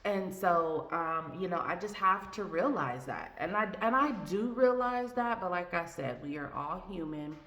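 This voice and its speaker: A woman's voice: lowish voice, creaky, fairly bright tone. A woman talking casually and from the heart in a faith vlog, rambling with many fillers and restarts. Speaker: vlogger. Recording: echoey room with faint ambient noise.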